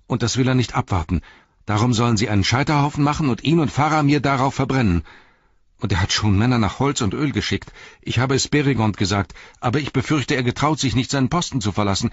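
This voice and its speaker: Frightened small hobbit youth read by a man, high urgent pleading voice, husky edge. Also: fast talker, dry recording, muffled recording, close to an everyday voice. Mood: desperate. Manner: high, urgent, tumbling words.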